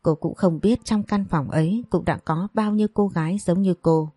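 A woman reading a dramatic story in a steady narrative voice. Her tone is low and dark. The recording is dry and close. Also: moderate pace, dry recording.

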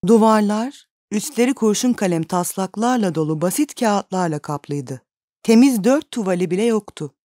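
Woman narrating a classic book, steady and measured, dry close sound. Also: fairly low pitch, dry recording. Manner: calm, measured reading. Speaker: audiobook narrator. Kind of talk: scripted narration of a classic novel.

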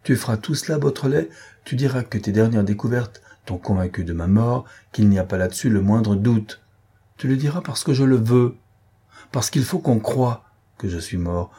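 A man voicing an imperious, menacing gentleman thief in an audiobook reading, with a forceful, threatening delivery. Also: mid-range voice, moderate pace, husky. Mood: commanding.

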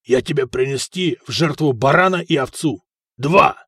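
A man's voice: mid-range voice, moderate pace, fairly bright tone, breathy edge, dry recording, clean studio sound. A man voicing a gloating Danish warrior who speaks in broken, ungrammatical phrases, in an audiobook.

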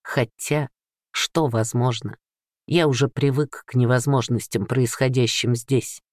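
Man voicing a tired greying father, slow subdued delivery, dry close sound, audiobook. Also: mid-range voice, steady tone, no room sound, natural voice. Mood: weary. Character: troubled greying middle-aged father, patient.

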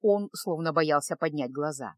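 A woman narrating a fantasy audiobook in an even, measured reading. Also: sits low, no room sound, studio quality. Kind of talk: scripted narration.

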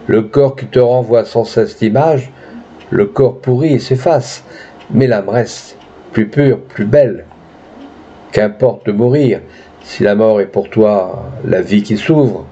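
A man reading the lines of a tender, devoted young wife in a storybook reading, his voice soft and pleading. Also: fairly low pitch, husky, muffled recording.

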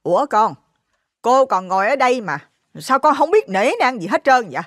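A woman's voice: fairly high pitch, very animated, moderate pace, dry recording, studio quality. A woman voicing a stern older mother who scolds with indignation. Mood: reproachful.

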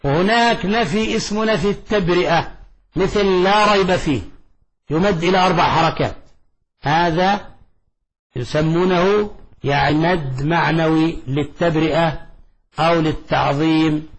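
A man teaching Quran recitation in a classroom, explaining a poem line by line and checking his students with quick questions. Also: fairly high pitch, husky, low-quality recording. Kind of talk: classroom lecture on a didactic poem. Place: classroom with a blackboard.

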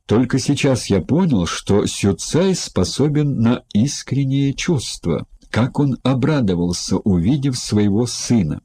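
A man's voice: mid-range voice, lively intonation, unhurried, few pauses, mellow, breathy edge, no echo, voice pushed up. A man voicing a bluff, plain-spoken male assistant in an audiobook. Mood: moved.

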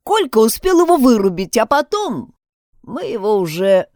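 A woman's voice: a little high, sing-song, normal speed, darkish tone, no echo, clean studio sound, pitched above the performer's own voice. A woman voicing a grieving, angry old village grandmother who pleads shrilly and tearfully.

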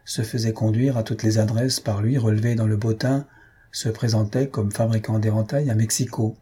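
A man reading a comic novel aloud as an audiobook narrator, in a measured storytelling manner. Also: on the low side, fairly even intonation, warm tone, slightly rough.

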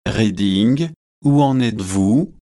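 A man reading aloud and voicing a warm, eager young male student who welcomes an old friend, in a slow, measured way. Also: lowish voice, no echo, clean studio sound. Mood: surprised.

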